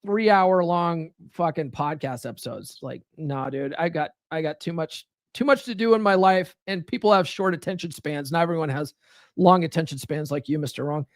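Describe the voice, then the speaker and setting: Speaking at a moderate pace, a man with a slightly high voice hosts a loose, profane podcast stream packed with "like" and "right?" fillers. It's a casual monologue captured in a dry, clean studio recording.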